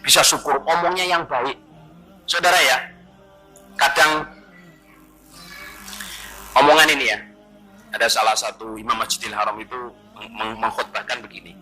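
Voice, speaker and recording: A man with an East Javanese accent preaching a sermon to a congregation, joking, quizzing his listeners and slowly chanting Quranic verses. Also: medium pitch, fairly even intonation, sharp tone, faint music behind, low-quality recording. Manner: jokey, conversational, quizzes the congregation.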